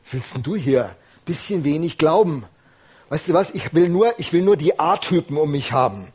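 A man voicing a dismissive, scornful God who turns doubters away, with a husky voice and a mocking, brusque manner. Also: fairly high pitch, lively intonation, moderate pace, a little mellow.

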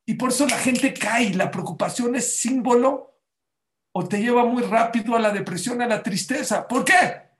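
A man's voice: very high-pitched, normal speed, fairly bright tone. A man preaching a Torah sermon, emphatic and questioning his listeners directly, with Hebrew religious terms mixed in. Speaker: rabbi teaching a Torah class. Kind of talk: Spanish-language Torah sermon. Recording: roomy echo.

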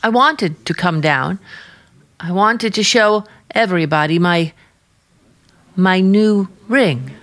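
An actress voices an earnest, suspicious young niece in an old-time radio drama, her delivery guarded, halting, and pointed. Her female voice sits in the mid-range with a fairly bright tone.

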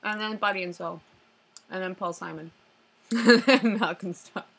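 A woman's voice: medium pitch, unhurried, gravelly, a bit bright. A young woman co-hosting a casual chat, teasing her friend and giggling.

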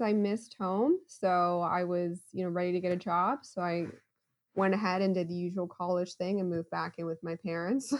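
A woman, a guest chatting in a casual podcast interview, friendly and laughing often. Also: lowish voice. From Ohio, USA. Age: 30s.

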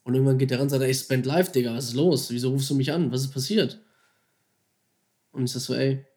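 A man casually and excitedly retelling how he caught a huge fish, slangy and animated, acting out his own thoughts and phone calls. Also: medium pitch, fast talker. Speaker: angler telling a fishing story. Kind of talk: casual storytelling.

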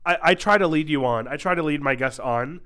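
This podcast host is a young man from the United States, congested with a cold, who rambles casually and keeps restarting his sentences. He speaks a little fast in a slightly high, fairly bright voice, with slight background noise behind him.

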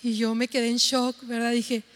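A woman's voice: a little high, flat delivery, moderate pace. A middle-aged woman, earnestly and tenderly giving a testimony to her church congregation. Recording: long hall reverb.

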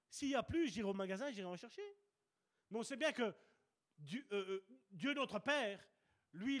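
A man's voice: high-pitched, fairly bright tone. A man preaching a sermon at a church service, emphatic and repeating short commands.

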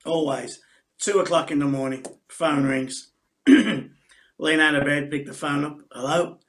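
A man co-hosting a sports podcast, leading the talk and telling lively anecdotes. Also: fairly high pitch, a little slow. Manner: animated anecdote teller, leads the discussion. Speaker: podcast co-host. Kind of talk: casual sports chat.

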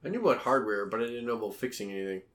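Playful podcast dad with a lively voice. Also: male voice, fairly low pitch, rapid-fire. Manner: playful, spins out silly scenarios, laughs a lot. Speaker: podcast co-host. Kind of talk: casual chat.

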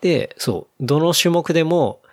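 A man's voice: fairly high pitch, expressive, normal speed. A young man casually explaining a news story to a friend, with many fillers. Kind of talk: casual chat.

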